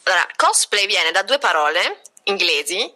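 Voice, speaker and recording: Brief: woman, 20s, bright, crisp diction, smooth, explains clearly. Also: medium pitch, sing-song, normal speed. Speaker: guest, streamer and cosplayer. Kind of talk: casual podcast interview.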